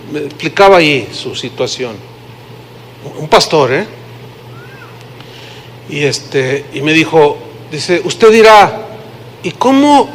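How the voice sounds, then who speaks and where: A middle-aged man with a Mexican accent, preaching a sermon and telling a story, acting out the quoted dialogue with shifts in pitch and volume. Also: slight background noise. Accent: Mexican Spanish. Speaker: pastor.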